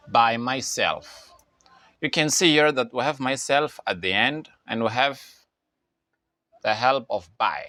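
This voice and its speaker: A man teaching an English grammar lesson, slowly repeating each phrase for learners. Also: mid-range voice, sharp tone, dry recording. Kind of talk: slow, deliberate grammar lesson.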